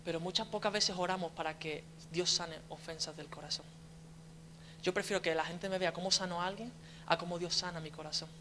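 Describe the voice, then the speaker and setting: A young man preaches a casual, story-driven sermon, dropping in constant little tag questions. His voice is bright and clear, with a faint hiss of noise behind it. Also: high voice, fairly even intonation, fairly quick. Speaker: deacon preacher. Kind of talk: conversational sermon.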